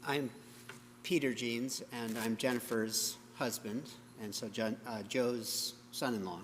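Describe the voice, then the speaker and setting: Mid-pitched man, relaxed memorial speaker; reverberant hall with faint noise. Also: slow pace. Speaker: son-in-law giving a eulogy. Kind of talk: memorial speech. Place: church hall.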